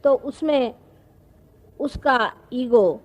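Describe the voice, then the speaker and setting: A woman, giving a slow, explanatory spiritual discourse with pauses. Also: high-pitched, a little mellow, highs cut off. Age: 50s. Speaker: spiritual teacher. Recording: archival talk recording.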